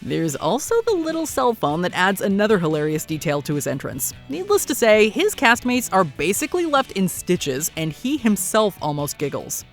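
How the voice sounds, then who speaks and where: A woman narrates a scripted countdown video in a medium-pitched voice. Faint music plays behind her throughout. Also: very animated, moderate pace, hardly any pauses. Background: background music.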